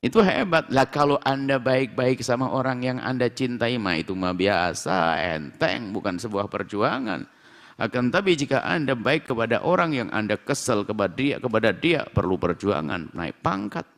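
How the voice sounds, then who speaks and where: Male preacher, emphatic, lively delivery, long reverb. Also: medium pitch, creaky. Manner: lively, emphatic, with drawn-out phrases. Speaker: Islamic preacher. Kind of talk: sermon.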